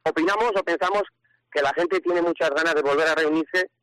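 A man, a village mayor interviewed on the radio, speaking haltingly with many restarts and repeated words. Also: fairly high pitch, a bit bright, no echo, rough recording.

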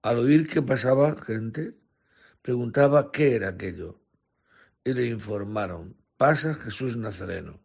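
A man's voice: mid-range voice, expressive, a little slow, creaky, darkish tone, breathy edge, dull audio. A man, a priest, reading the gospel and preaching earnestly, with some self-corrections.

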